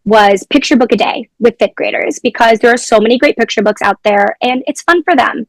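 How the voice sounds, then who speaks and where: A woman's voice: on the high side, fairly quick, dry recording. A young adult woman, a former teacher, telling stories from her classroom in a casual interview.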